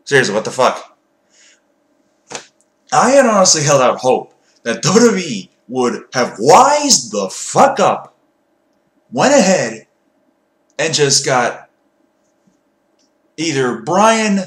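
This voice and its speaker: A man with a slightly high, very animated voice rants in exasperation, hitting words hard and swearing in outbursts. The sound is roomy and echoey, like an opinion vlog. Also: slow, pauses often. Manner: exasperated, profane, emphatic ranting with outbursts. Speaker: wrestling fan giving an opinion rant. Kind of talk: ranting vlog commentary.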